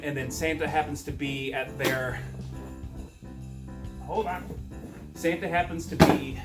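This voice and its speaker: A man giving a chatty, enthusiastic, emphatic film review in a casual way. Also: a little high.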